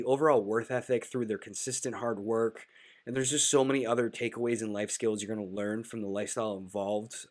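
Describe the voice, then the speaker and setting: Nasal man with a lingering cold. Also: medium pitch. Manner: casual, reflective, frequent fillers like "like" and "uh". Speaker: podcast host. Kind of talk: solo podcast monologue with sponsor reads.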